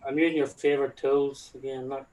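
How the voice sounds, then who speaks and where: A man's voice: medium pitch, little pitch movement, a little fast, over a noisy crowd, low-quality recording. A man co-hosting a casual livestream in an easygoing, teasing way, welcoming viewers. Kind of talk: casual live chat.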